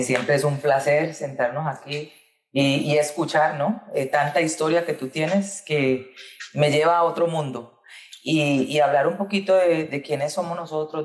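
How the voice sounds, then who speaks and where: A woman's voice: deep voice, normal speed, a little mellow, roomy sound. A woman with a Colombian accent, a guest in an interview, telling her career story fluently. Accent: Colombian Spanish. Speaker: guest, insurance agent. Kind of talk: interview conversation.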